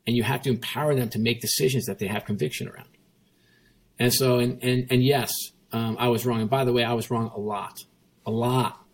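A former CEO guest speaks briskly in a mid-range voice with fairly even intonation, telling a story during a casual interview. He drives his points home emphatically, repeats them, and quotes what others and he himself said.

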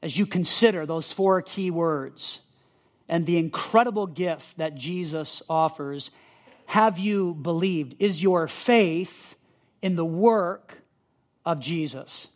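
High-voiced earnest male pastor. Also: takes it slowly. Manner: earnest, emphatic, repeats key words. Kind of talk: sermon teaching with fill-in notes.

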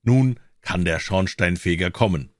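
A man's voice: deep voice, measured pace, no echo, studio quality. A man voicing a bold, cheeky young soldier who talks back with mockery. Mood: defiant. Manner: defiant, mocking.

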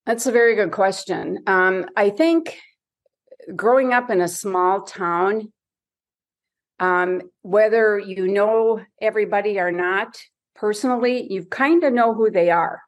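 A woman's voice: medium pitch, measured pace. A woman from Michigan's Upper Peninsula answering interview questions in a candid, reflective, conversational way. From Michigan's Upper Peninsula, United States. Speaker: interview guest, retired or career diplomat.

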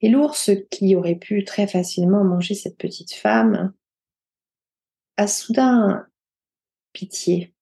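A woman retells an old folk tale for a podcast, her voice mellow and warm at a middle pitch. She tells it gently and without hurry, with small pauses and hesitations here and there. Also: creaky. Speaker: podcast storyteller.

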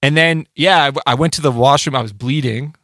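A man's voice: on the high side, fairly quick, a bit bright, dry recording, clean studio sound. A man co-hosting a podcast and telling stories in casual chat, rambling and swearing with lots of filler words. He is a band musician. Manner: rambling storytelling with profanity and filler. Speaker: podcast co-host.

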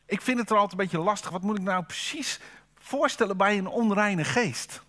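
A man's voice: high voice, moderate pace, sharp tone. A man preaching a sermon at a church service, in a conversational way, asking the congregation rhetorical questions.

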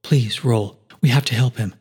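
A man's voice: mid-range voice, normal speed, a little mellow, husky. A man voicing a frantic, loyal young man who pleads urgently, in a storybook drama.

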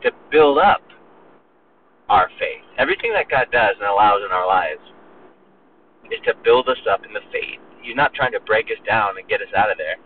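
A pastor giving an earnest, emphatic sermon on a psalm, slowing down to stress key words. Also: male voice, lowish voice, expressive. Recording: distant phone-like recording with faint noise.

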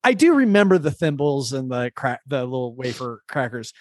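A man's voice: mid-range voice, big pitch swings, moderate pace, dry recording, clean studio sound. A man co-hosting a podcast in casual chat, rambling and restarting his sentences with laughs. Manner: rambling, self-interrupting, laughing. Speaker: podcast co-host.

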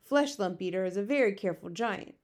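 Gentle male giant for a children's storybook, performed by a woman: resigned, muddled grammar, invented words. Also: mid-range voice, animated, fairly quick, lightly acted. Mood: musing. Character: big friendly giant, male, gentle, gloomy, word-mangling. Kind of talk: children's storybook character reading.

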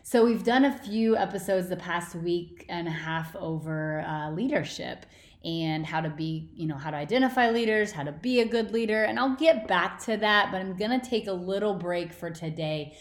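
A woman's voice: on the low side, normal speed. A woman hosting a podcast in a casual motivational monologue, informal, emphatic and blunt, recorded in an echoey room. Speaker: podcast host. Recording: roomy, echoing indoor sound.

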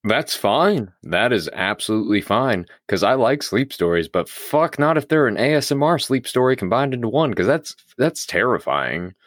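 A man's voice: mid-range voice, sing-song, normal speed, hardly any pauses, no echo, clean studio sound. A man co-hosting a podcast in casual chat, blunt and profane as he tells stories. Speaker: podcast co-host.

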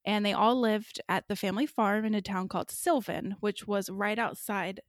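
A woman hosting a podcast recounts a strange story in relaxed, chatty speech. Her voice sits at a middle pitch and the recording is dry and close. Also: moderate pace, no room sound. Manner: chatty, laughing, enunciates carefully. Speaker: podcast co-host. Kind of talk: casual storytelling chat.

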